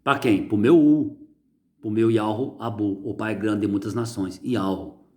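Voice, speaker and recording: A man, reading and preaching on religious writing, emphatic and slowing on key words, soft and quiet when closing. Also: lowish voice. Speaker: religious teacher.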